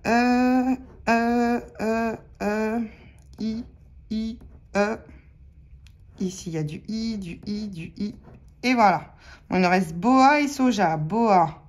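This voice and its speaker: A woman's voice: a little high, darkish tone. A woman with a French accent giving casual, chatty commentary as she scratches lottery tickets, talking to her viewers and spelling out letters one by one. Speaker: scratch-card vlogger.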